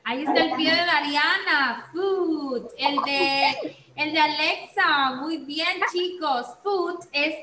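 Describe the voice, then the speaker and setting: Patient high-voiced woman teaching a class. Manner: patient, encouraging, repeats words slowly. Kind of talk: online class lesson. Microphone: video call. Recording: roomy video call with background hiss.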